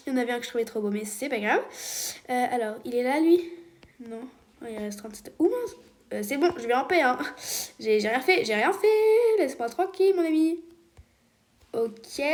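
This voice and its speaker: A woman, chatting excitedly through a video game with squealing exclamations, often dropping to a whisper. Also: on the high side. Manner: often drops to a hushed whisper. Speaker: Roblox player. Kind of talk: casual gameplay commentary.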